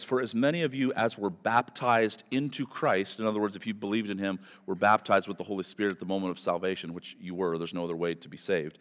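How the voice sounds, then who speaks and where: A man preaching a sermon at a pulpit microphone, emphatic, with repeated phrases and rhetorical questions. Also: low-pitched. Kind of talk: sermon to a congregation. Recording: reverberant hall.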